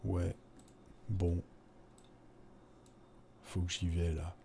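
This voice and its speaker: A man's voice: deep voice, flat delivery, drawn-out words, gravelly, mellow, a little hiss or hum, exaggerated voice. A man playing a weary, crude man who lives on the street, talking bluntly and rambling in casual role-play.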